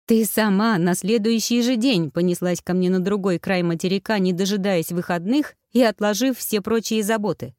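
A woman voicing a calm, sympathetic witch who speaks gently and reasons things out, in a storybook reading. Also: mid-range voice, moderate pace, few pauses, no echo, clean studio sound, close to an everyday voice. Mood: reasoning.

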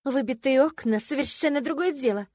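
A woman voicing a sharp-tongued young woman student, sarcastic and quick to bristle, in a lively raised tone. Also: on the high side, no room sound, voice pushed up. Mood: indignant. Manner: sarcastic, indignant, mock-sweet.

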